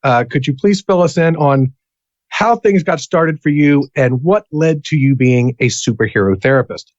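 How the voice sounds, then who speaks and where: A man's voice: on the high side, normal speed, a little mellow, no room sound, highs cut off. A man hosting a podcast, thanking a guest and making earnest, careful announcements. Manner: earnest, pleading when giving the hotline. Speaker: podcast host. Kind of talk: interview and scripted announcements.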